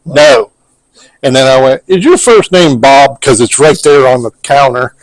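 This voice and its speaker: A man's voice: medium pitch, lively intonation, normal speed, no room sound, rough recording. Man retelling a spirit session. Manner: retells a session, quoting questions. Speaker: paranormal investigator. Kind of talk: casual recap of an investigation.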